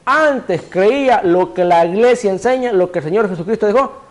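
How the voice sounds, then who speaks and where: High-voiced man preaching a sermon. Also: animated, moderate pace. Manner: asks the congregation rhetorical questions and answers them; directs a reader to repeat scripture phrases.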